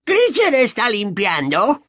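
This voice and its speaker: A man's voice: high-pitched, huge pitch swings, slow, a bit bright, dry recording, studio quality, voice pushed up, exaggerated voice. A man voicing a bitter, servile old male house-elf who mutters spitefully under his breath in an audiobook. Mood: muttering, spiteful. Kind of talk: audiobook character voice.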